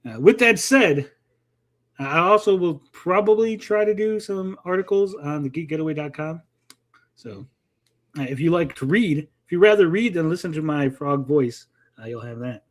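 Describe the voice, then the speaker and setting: A man's voice: a little high, lively intonation, normal speed. A man hosting a live stream in casual chat, often tagging his points with "right?". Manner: often tags statements with "right?".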